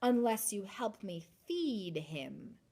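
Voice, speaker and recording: A woman voicing a wicked, cunning old witch in a read-aloud fairy tale, with a slow, drawn-out old-lady voice. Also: medium pitch, big pitch swings, mellow, voice pushed down, full character voice. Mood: gloating.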